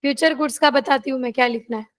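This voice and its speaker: A woman's voice: high-pitched, rapid-fire. A woman law teacher, dictating notes in a classroom and checking that students have written them down.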